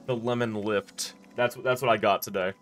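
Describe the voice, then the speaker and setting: A man's voice: fairly low pitch, steady tone, normal speed, a little hiss or hum. A man streaming a game live, chatting in a laid-back, rambling way with many fillers and restarts. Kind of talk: casual live-stream chat while playing.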